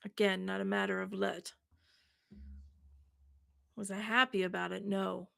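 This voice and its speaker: Gravelly-voiced woman game master. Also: medium pitch, flat delivery, fairly bright tone. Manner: brief, measured replies in character. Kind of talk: narrating a tabletop game.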